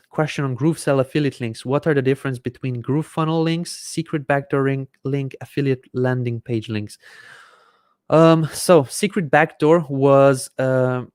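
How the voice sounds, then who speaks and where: Answering viewer questions during a live Q&A, a Hungarian-native man in his thirties demonstrates software on screen share, explaining each step as he clicks. His medium-pitched voice is smooth, and the desk mic before his face in a small room gives studio-quality audio with no room sound.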